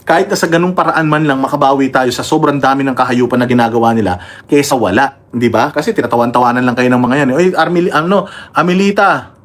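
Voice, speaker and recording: A man's voice: medium pitch, fast. A man hosting a casual political commentary livestream, combative and mocking, thanking members and reading viewer comments aloud.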